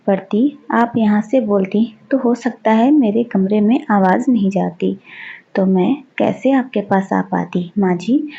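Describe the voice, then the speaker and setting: Woman as a gentle young daughter-in-law. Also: medium pitch, vocal fry, slightly rough, full character voice. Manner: pleading, reassuring. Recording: dull lo-fi recording.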